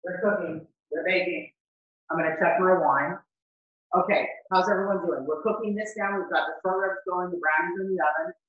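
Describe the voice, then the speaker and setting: Chatty chef over tinny distant audio. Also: male voice, high-pitched, fairly quick. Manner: chatty, rambling, self-deprecating. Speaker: chef hosting a live online cooking demo. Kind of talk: casual cooking demonstration. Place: home kitchen. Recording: echoey, distant, phone-like audio.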